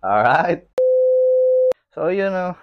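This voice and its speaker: A man's voice: fairly high pitch, very animated, extremely slow, dull audio, background noise. A man from the Philippines chats casually to his viewers from his computer shop. He is easygoing and laughs often. He sounds a bit out of breath. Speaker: computer shop owner and vlogger. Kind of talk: casual vlog chat.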